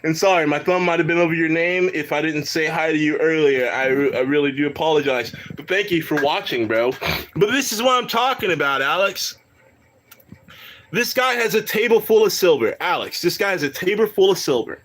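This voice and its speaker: Lively high-voiced streamer, rambling. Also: male voice, normal speed. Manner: rambling, swearing, laughing, talking to chat. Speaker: live-stream host. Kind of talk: casual reaction commentary.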